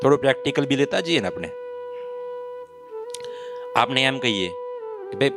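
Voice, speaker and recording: A man's voice: medium pitch, lively intonation. Guy giving a story sermon, acts out the villagers, instrument music playing behind him. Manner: storytelling, acts out the mocking villagers, chants verses slowly. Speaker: preacher telling a devotional story. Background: musical instrument accompaniment.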